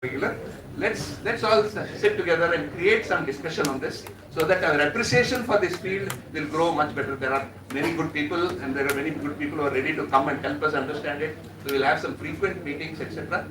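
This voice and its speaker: A man with an Indian accent from Karnataka moderating a panel, giving informal, encouraging closing remarks and often repeating himself. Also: fairly high pitch. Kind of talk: informal closing remarks, mixing English with Kannada. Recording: echoey hall, audience noise, distant mic.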